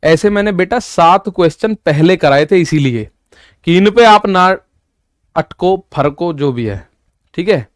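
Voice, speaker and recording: A male maths teacher walks his students through an exam problem step by step, repeating each key point. His voice is high and smooth. It is recorded close and dry, with no room sound. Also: lively intonation, a little slow, dry recording. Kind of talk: online exam-prep maths lesson.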